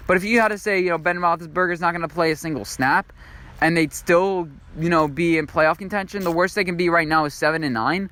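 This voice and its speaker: A man's voice: on the high side, pushed and bright, smooth. A young man giving an unscripted football commentary monologue, rambling and thinking aloud with frequent fillers and restarts. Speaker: sports video host.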